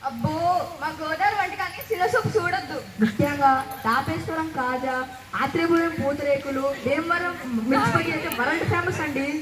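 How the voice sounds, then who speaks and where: A woman in a comedy skit, boastfully listing dishes with loud exclamations. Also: sits high, brisk. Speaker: skit performer. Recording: echoey, far from mic, loud crowd and noise.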